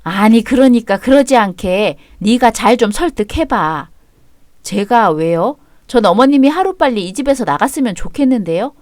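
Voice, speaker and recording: A woman's voice: on the high side, expressive, moderate pace, darkish tone, no room sound, clean studio sound, close to an everyday voice. A woman voicing a young married woman who talks in a cool, cutting and firm way. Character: sharp-tongued young married woman, daughter.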